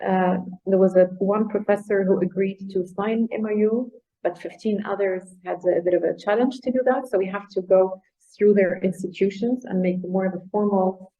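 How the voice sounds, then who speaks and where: A woman presents informally in a webinar. Her voice is mellow and relaxed, at a middle pitch, and she hesitates as she searches for words. The audio is dull and lo-fi. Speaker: project presenter.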